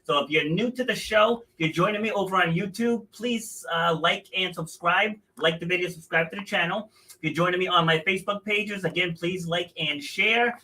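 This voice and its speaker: A man's voice: sits high, normal speed, pushed and bright. A man hosting a podcast, chatty and casual, often correcting himself and laughing at his own slips. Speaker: podcast host. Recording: distant from the mic.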